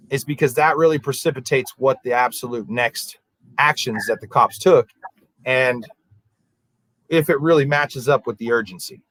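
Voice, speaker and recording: A man co-hosting a podcast, calmly laying out events in order during a casual conversation. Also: mid-range voice, no room sound, poor audio. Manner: methodical, walks through events step by step. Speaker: podcast co-host.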